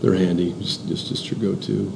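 A man's voice: low voice, flat delivery, normal speed, vocal fry. A male instructor giving a classroom lecture, explaining slides and often repeating words as he goes. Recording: roomy classroom with faint hiss.

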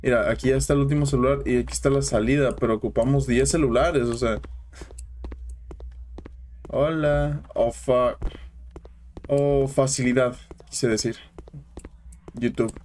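A man's voice: medium pitch, steady tone, unhurried, pauses often, darkish tone. A young man with a Mexican accent giving casual commentary on a horror game, jumpy, yelping and swearing at scares, chatting with his viewers. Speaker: gaming channel host.

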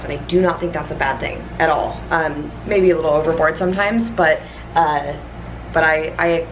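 A woman's voice: low voice, noisy background. A woman in her thirties talking straight to viewers in a casual fitness vlog, earnest and emphatic, filming at arm's length. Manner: earnest, emphatic, addresses viewers as "you guys". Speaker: fitness vlogger. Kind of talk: casual vlog talk to camera. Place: apartment and gym. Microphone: handheld camera at arm's length.

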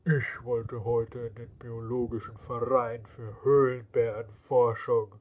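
A man voicing a grumpy, portly older male bear in a storybook reading, speaking slowly and softly. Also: medium pitch, slightly rough, phone-quality sound. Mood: spiteful.

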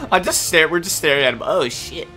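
An excitable young man narrates his own gameplay in a casual, joking way, swearing and chatting to his horse. His voice sits a little high and swings widely in pitch. Loud game music plays behind him. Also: normal speed. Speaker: gameplay streamer. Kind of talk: casual let's play commentary. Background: video game music and sounds.

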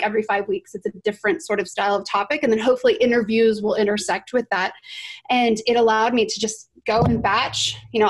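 A woman on a video call, a guest podcaster chatting with enthusiasm and lots of "like" and "right?". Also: on the high side. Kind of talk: casual video-call discussion.

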